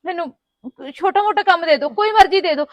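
A woman's voice: extremely high pitch, fast talker, no echo. An actress playing a poor young village woman who pleads for housework, speaking in a plaintive voice. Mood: pleading.

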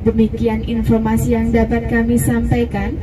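A woman's voice: fairly high pitch, completely flat delivery, normal speed, a crowd in the background. A woman giving a polite, formal scripted passenger announcement in the manner of a flight attendant, recorded inside a coach. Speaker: bus flight-attendant-style stewardess. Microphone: phone in a seat, far from speaker. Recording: distant cabin speaker with music behind.

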